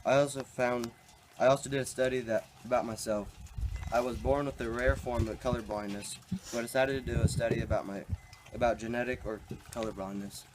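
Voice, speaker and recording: A man's voice: medium pitch, steady tone, slight background noise, close to an everyday voice, low-quality recording. A man playing an earnest old scientist. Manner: halting recital with restarts. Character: 19th-century English scientist, man, earnest. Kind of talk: school project role-play.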